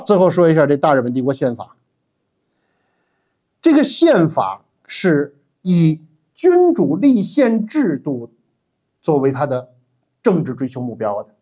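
A middle-aged man giving an animated, emphatic history lecture as a teacher, with frequent 'ah' fillers. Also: mid-range voice, slightly rough. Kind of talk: classroom-style history lecture.

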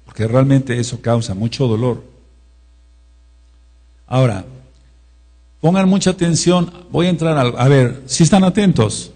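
A man's voice: mid-range voice, animated, unhurried, long pauses, darkish tone. A man with a Mexican accent teaching a sermon, repeating key words and asking his listeners questions. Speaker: preacher.

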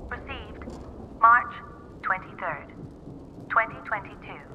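Muffled, clipped answering machine voice. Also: female voice, medium pitch, expressive, slow, background noise. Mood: impersonal. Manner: clipped, word-by-word announcing. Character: impersonal answering machine announcer. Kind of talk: video game acting.

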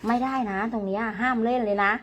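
An older grandmother, filmed at home, chats playfully and coaxes her grandchild while cutting the child's hair, laughing often. Her high voice is fairly even and quick in this casual vlog, and the sound quality is lo-fi.

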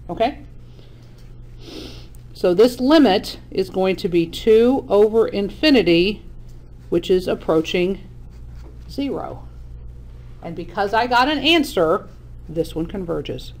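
A woman's voice: lowish voice, darkish tone. A woman math teacher giving a classroom lecture, explaining step by step and often checking in with the class.

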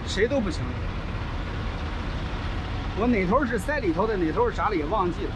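A middle-aged trucker vlogger from China, filmed on a body-worn action camera in an outdoor truck yard, bluntly walks through a truck repair step by step and swears freely. His voice sits high and is expressive, at normal speed, against a noisy background, in casual how-to commentary.

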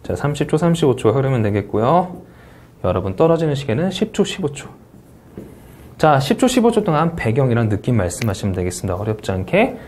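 A man at a medium pitch runs an English speaking test review lecture. He talks with energy, starts his sentences with a quick filler, and repeats the scoring points so they stick. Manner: energetic, repeats key points, says "자" often.

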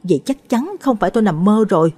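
A woman's voice: mid-range voice, lively intonation, quick pace, mellow, breathy edge, voice pushed up. A woman voicing an anxious young mother pleading for help against a haunting. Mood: worried. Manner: worried, pleading.

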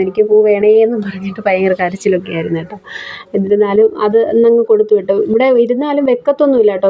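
Hoarse from a blocked throat, a young woman from Kerala, India, shares her day at home in a cooking vlog voice-over, chatty and homely with plenty of tag questions. Her voice is a little high, the recording muffled, and rain falls outside her home kitchen.

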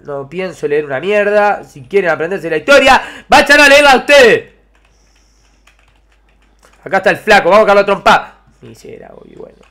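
Jumpy high-voiced Argentine gamer man. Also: lively intonation, fairly quick, few pauses, fairly bright tone. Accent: Argentine Spanish. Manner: jumpy, swears constantly, screams in fright. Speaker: let's play gamer. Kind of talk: horror gameplay commentary.

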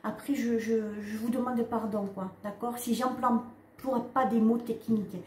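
A woman giving a casual spiritual card reading, talking straight to her viewers in a halting way with frequent "hein" and "d'accord" tags. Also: on the high side, steady tone, a little mellow. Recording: echoey room with faint ambient noise.

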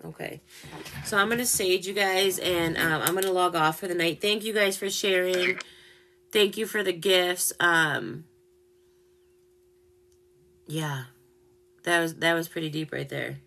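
A woman hosting a paranormal live stream in casual chat, gentle and openly emotional as she speaks to spirits directly. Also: on the low side, fairly even intonation, unhurried, long pauses, slight background noise.

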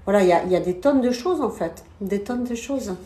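A woman in her fifties explaining things casually on a live stream as a hypnotherapist, in a hesitant, halting way. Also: medium pitch, animated, dark tone. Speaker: hypnotherapist guest. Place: small indoor room. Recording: echoey room, noisy background.

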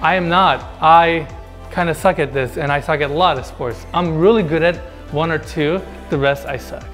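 A man's voice: on the high side, moderate pace, a bit bright, faint music behind. Chatty man touring a house. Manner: enthusiastic, chatty, addresses viewers directly. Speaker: home tour host. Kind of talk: casual walkthrough narration. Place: large indoor house basement. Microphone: lapel mic.

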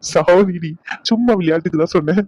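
A man's voice: high-pitched, fairly quick, darkish tone, dry recording, rough recording. A man playing a playful husband who teases and coaxes his angry wife in a comedy skit. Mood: teasing. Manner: coaxing, teasing, pleading. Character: teasing young husband, playful.

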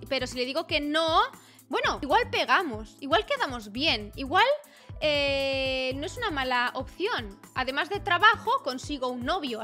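High bright excitable young woman gamer. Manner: excitable, exclaims and reacts loudly to the game. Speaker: gaming YouTuber. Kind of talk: lively gameplay commentary.

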